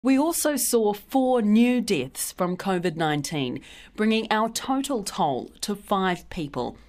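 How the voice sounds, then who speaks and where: A woman with a New Zealand accent hosting a news podcast, reading the headlines in a clear, measured way. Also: mid-range voice, very animated, darkish tone.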